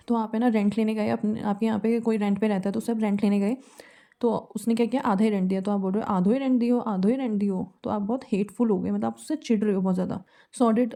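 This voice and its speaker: A woman's voice: mid-range voice, dark tone. An Indian woman teaching English vocabulary in a casual lesson, explaining memory tricks with little acted scenes and mixing English words into her speech. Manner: mixes English words into Hindi.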